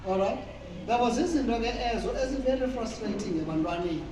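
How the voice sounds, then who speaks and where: A woman's voice: on the high side, animated, fast. A woman with a Xhosa South African accent gives an informal teaching talk in an explanatory manner, checking in with her listeners and mixing in English. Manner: explanatory, punctuated by check-in questions. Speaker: speaker leading a talk. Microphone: distant from the speaker. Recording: very echoey room, distant mic, noisy.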